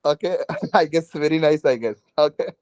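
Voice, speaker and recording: Male online-class lecturer, South Indian accent, pitched a bit high, very dry recording, repeats himself to check understanding. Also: normal speed, darkish tone, dry recording. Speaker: teacher of a current affairs exam class. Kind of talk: informal online lecture with questions to students.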